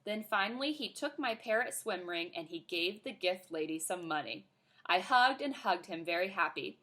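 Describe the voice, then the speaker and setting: Woman reading a children's book aloud, bright, very lively voice. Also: medium pitch, moderate pace. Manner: expressive, animated. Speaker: reader.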